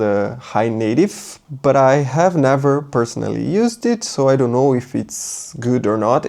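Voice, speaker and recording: A language teacher whose first language is Portuguese gives a loose, chatty tutorial, thinking aloud and muttering as he writes while often checking in with "right?". His mid-range voice is a little mellow, with some vocal fry.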